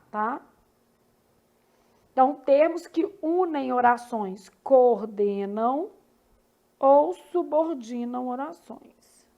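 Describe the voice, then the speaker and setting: A Brazilian woman with a high voice teaches grammar in an online prep class. She explains each point in a chatty way and keeps checking in with her listeners through quick tag questions. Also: a little mellow. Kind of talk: online exam-prep lesson.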